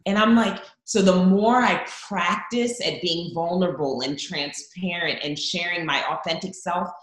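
A woman's voice: fairly low pitch, moderate pace, fairly bright tone. A woman born in Zambia, a guest giving an earnest, open faith testimony with frequent restarts. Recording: roomy echo.

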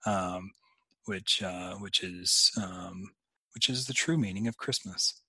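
A man co-hosting a podcast, talking through a book in a halting way with many fillers and restarts, then reading a scripted sign-off. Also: sits low, gravelly, bright, forceful tone, slightly rough, no echo. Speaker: podcast co-host. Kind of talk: casual book discussion and scripted outro.

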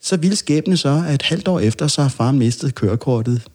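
A man's voice: medium pitch, expressive, darkish tone. A man chatting as a podcast guest, telling long rambling anecdotes and acting out the dialogue in them. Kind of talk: casual storytelling chat.

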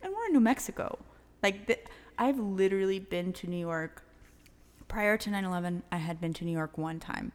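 A woman in her thirties co-hosting a podcast, chatting casually and telling stories in an animated way. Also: mid-range voice, normal speed, big-room sound. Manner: animated storyteller, frequent likes. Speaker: podcast co-host. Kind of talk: casual chat.

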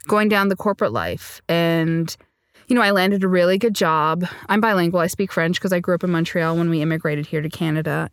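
A woman singer-songwriter speaks earnestly in an interview, with a lowish, smooth, resonant voice. She tells her story reflectively and laughs easily. The sound is dry and close. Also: no room sound. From Sri Lanka. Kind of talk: conversational interview.

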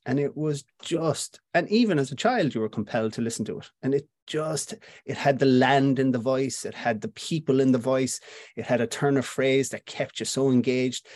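A man's voice: mid-range voice, a little mellow, dry recording. An Irish man, a playwright, talking reflectively in an interview, with fillers and restarts. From Ireland. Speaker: playwright guest. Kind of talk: conversational interview.

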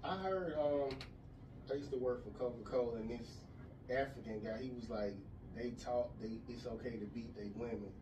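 A man's voice: medium pitch, normal speed. A man hosting a podcast, asking loose, rambling questions full of fillers. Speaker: podcast host. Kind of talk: casual interview. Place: radio station studio. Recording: roomy studio, distant mic, noisy.

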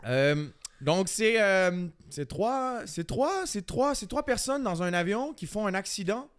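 Quebec guy doing a cheesy france-french accent, high voice that swoops all over. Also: lively intonation, measured pace, clear, resonant tone. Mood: mock-French joking. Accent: put-on France French. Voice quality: overdoes "du coup" and "putain". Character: man faking a France French accent telling a joke.

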